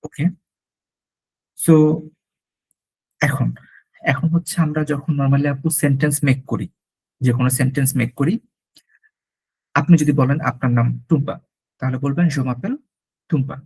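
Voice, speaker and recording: A man with a slightly husky voice tutors a student in French, one-on-one. He mixes in English words and spells words out letter by letter as he explains how to say them. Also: medium pitch, steady tone, measured pace, long pauses, a little mellow, low-quality recording. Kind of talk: one-on-one language lesson.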